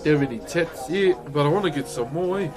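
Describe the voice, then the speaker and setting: Over music, a man with a broad New Zealand accent speaks quickly in a slightly high voice. He's live streaming, chatting casually and answering viewers in a laid-back, matey way, dropping "bro" and "eh" throughout.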